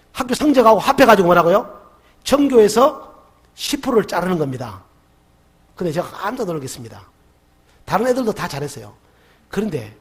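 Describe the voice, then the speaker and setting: A middle-aged man with a Gyeongsang accent, preaching a Sunday sermon in church and telling a story with lively questions to the congregation. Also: high voice, husky. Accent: Gyeongsang dialect. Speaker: pastor. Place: church sanctuary.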